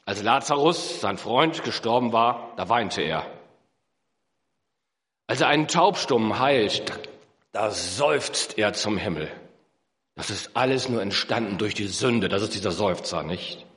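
A man preaching a sermon, swinging between emphatic high peaks and low, slow earnest passages. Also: expressive, a bit bright. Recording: echoey hall.

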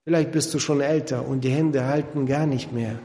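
A man preaching a sermon in a lively storytelling way, acting out quotes and swinging between loud and soft. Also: mid-range voice, normal speed. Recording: long hall reverb.

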